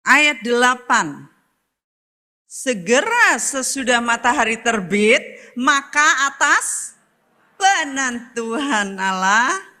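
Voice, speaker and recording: Bright, high-voiced woman preacher, lilt. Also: sing-song, slow pace, long pauses. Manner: emphatic, repeats phrases, talks straight to the congregation. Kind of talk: sermon.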